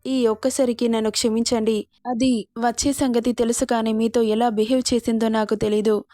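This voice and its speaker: A woman voicing a devoted young heroine who pleads in a soft, hushed tone, in a storybook reading. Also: on the high side, level tone, moderate pace, dry recording, close to an everyday voice. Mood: begging.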